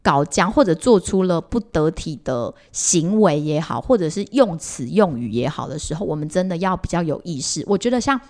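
A woman's voice: sits low, moderate pace, few pauses. A mother, co-hosting a casual chat and recounting family moments with lots of restarts. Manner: animated, lots of fillers and restarts. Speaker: podcast co-host and mother.

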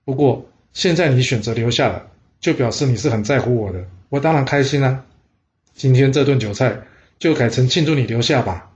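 A gentle, wise noble wife speaking in a soft and patient way, as a male storyteller voices her in a mid-pitched tone. The recording sounds slightly muffled and lo-fi. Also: fairly quick, natural voice. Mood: tender.

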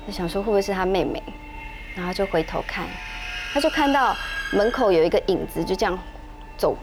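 This woman speaks with a middle, unremarkable pitch. She narrates a ghost story in a casual way, padding it with fillers as she goes. Faint music sits softly beneath her voice. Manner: measured, chatty narration with many fillers. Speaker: podcast co-host.

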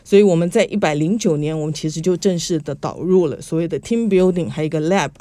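Woman section chief, Taiwanese Mandarin, formal, measured, dry close sound. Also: on the low side, warm tone, no echo. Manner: measured, formal, corporate phrasing. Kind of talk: formal interview answers.

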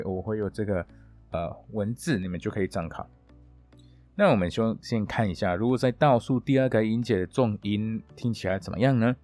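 A man hosting a podcast Spanish lesson, who repeats words slowly and clearly and talks with small fillers and restarts. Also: on the low side, darkish tone. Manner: halting, with fillers and self-corrections. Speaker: Spanish teacher, podcast host.

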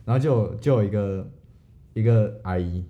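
A man's voice: fairly low pitch, moderate pace, highs cut off. A young man with a Taiwanese Mandarin accent, chatting easily as podcast co-host, often restarting his sentences. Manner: easygoing, stammering restarts. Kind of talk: casual storytelling chat.

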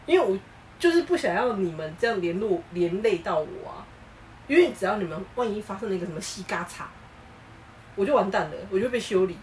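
A woman co-hosting a casual chat podcast, telling stories in a lively way and acting out what people said. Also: mid-range voice, fairly quick, distant mic, a little hiss or hum, rough recording. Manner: animated storytelling, acting out quoted lines. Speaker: podcast co-host.

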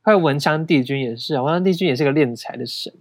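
Here a young podcast co-host with a Taiwanese Mandarin accent makes fun of himself in casual conversation, laughing a lot. His voice is a little high, he's a fast talker, and the recording is dry.

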